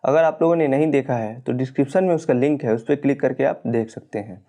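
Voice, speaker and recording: A man teaching an exam-prep class, reading out questions and answers and explaining them slowly, drawing out the example sounds. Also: mid-range voice, mellow.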